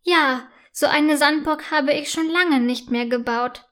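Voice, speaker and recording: Brief: outspoken young schoolgirl in a children's story, high and slow, a woman reading. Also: a bit bright. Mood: demanding. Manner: demanding.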